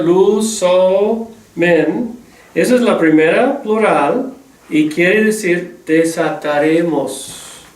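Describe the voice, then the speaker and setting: A man teaching a Greek lesson, patiently drilling word forms with many drawn-out "ah" fillers. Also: high-pitched. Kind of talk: slow spoken language lesson. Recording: echoey room, voice far from mic.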